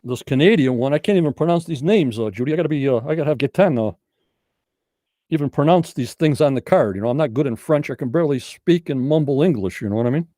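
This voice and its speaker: A man's voice: a little high, lively intonation, fast, mellow, no room sound, studio quality. A man hosting a casual livestream trivia night, talking in folksy, rambling game-show patter.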